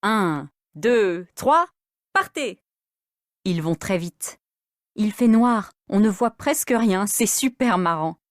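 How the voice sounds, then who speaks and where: A woman narrating a story for beginner language learners in a clear, expressive manner. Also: medium pitch, slow pace, dry recording, clean studio sound.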